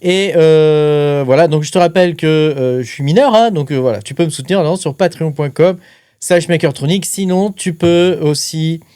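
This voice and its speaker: Speaking at a moderate pace, a crypto mining channel host talks casually to the viewer, full of fillers and ending nearly every phrase with "hein". His voice is on the high side yet dark and smooth, captured in a dry, clean studio recording.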